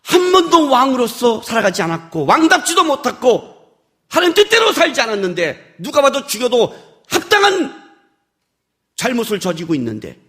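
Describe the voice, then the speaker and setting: A man preaching a sermon in a church worship service, chatty and animated, firing rhetorical questions at the congregation and acting out scolding lines in sudden loud bursts. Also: extremely high pitch, moderate pace. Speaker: pastor.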